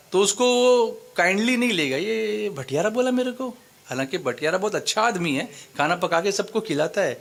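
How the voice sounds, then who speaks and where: A man with a slightly high voice lectures a gathering in sermon style. He works through his point step by step, repeating phrases and quizzing his listeners. English words slip into his speech as he goes. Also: fairly bright tone. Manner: explanatory, quizzes the audience, repeats phrases for emphasis. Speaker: Islamic preacher.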